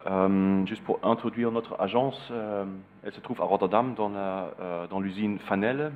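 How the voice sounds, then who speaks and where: Halting German-accented man, phone-like sound. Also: fairly low pitch, steady tone. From East Germany. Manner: halting, searching for words in French. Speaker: visiting architect lecturer. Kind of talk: public lecture with slides.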